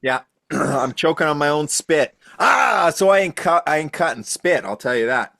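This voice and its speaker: A man's voice: a little high, big pitch swings, normal speed, gravelly, bright, forceful tone, no echo, studio quality. A man as a podcast guest in casual chat, talking with gushing enthusiasm. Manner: enthusiastic, gushing fan talk.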